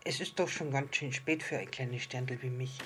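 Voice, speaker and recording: A man voicing a curious, eager little star child in a storybook reading, full of excited questions. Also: mid-range voice, normal speed, slight background noise, natural voice. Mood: wondering.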